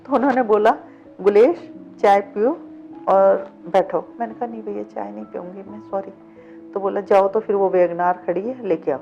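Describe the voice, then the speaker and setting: Middle-aged woman, interview guest, mid-pitched voice, lively first-person storytelling with acted-out dialogue, dull lo-fi sound, faint music underneath. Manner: vivid retelling that acts out past dialogue. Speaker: interview guest, cab driver.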